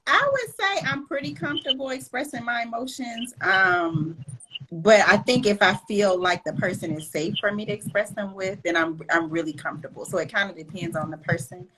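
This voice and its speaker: A woman co-hosting a casual podcast chat, speaking in a measured, thoughtful way. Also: mid-range voice, a bit bright, slight background noise, low-quality recording. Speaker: co-host. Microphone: video call.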